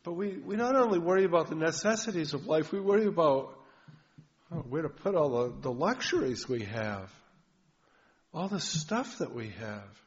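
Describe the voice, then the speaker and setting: A man's voice: fairly high pitch, sing-song, moderate pace. A middle-aged male pastor giving a folksy, conversational sermon full of rhetorical questions. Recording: dull lo-fi recording.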